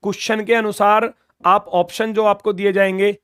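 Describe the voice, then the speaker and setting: A man's voice: sits high, flat delivery, normal speed, fairly bright tone, clear, resonant tone, dry recording, clean studio sound. A young man teaching an exam-prep lesson, patiently repeating key terms and asking his students questions. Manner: addresses viewers as brother, jokes casually.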